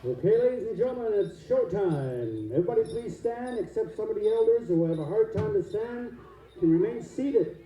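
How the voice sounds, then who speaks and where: A powwow emcee calls out to the crowd in a high, very animated man's voice with a soft-edged tone. He works the audience like a showman, his announcements echoing over a PA with music behind him. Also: moderate pace. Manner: showman-like, addressing dancers and audience. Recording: echoey outdoor PA with music behind.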